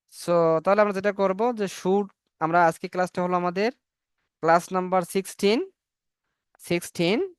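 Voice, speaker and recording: A man with a high, smooth voice teaches an online English class in Bengali. He keeps asking questions and answering them himself, and spells words out letter by letter. The sound is dry and close, over a computer mic. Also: dry recording. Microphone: computer mic on a video call.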